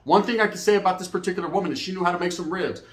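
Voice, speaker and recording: This lively American storyteller performs both sides of the exchanges in his slangy, comic tale. His high-pitched voice races along very fast, echoing with reverb.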